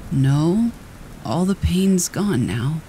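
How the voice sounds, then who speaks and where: A man putting on a weak, croaking dying old man. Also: on the high side, animated, dark tone, a little hiss or hum, rough recording. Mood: fading, peaceful. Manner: slow, faint and peaceful.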